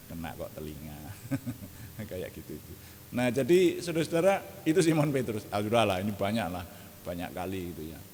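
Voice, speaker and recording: A man preaching an evening prayer sermon, animated and jokey, often laughing at his own asides. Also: lowish voice, moderate pace, in a large hall, a little hiss or hum.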